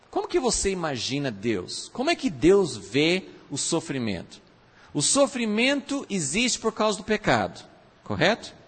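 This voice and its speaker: A man preaching a sermon in a lively way, acting out short quoted voices. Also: high-pitched, slightly rough. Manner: animated, acts out voices in quotes. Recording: reverberant hall.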